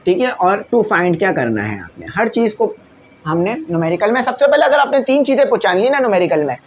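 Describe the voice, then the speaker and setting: A man teaches a physics class on video. He explains with everyday examples and keeps checking that students follow. He slows right down when he reads English textbook lines. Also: sits high, sing-song, highs cut off, a little hiss or hum.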